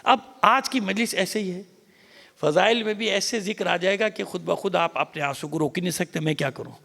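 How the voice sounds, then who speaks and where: A man with a Pakistani accent, a cleric giving a mourning sermon as dramatic storytelling that swings from loud cries to hushed whispers. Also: high voice, vocal fry. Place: large mosque hall. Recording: long reverb of a mosque hall.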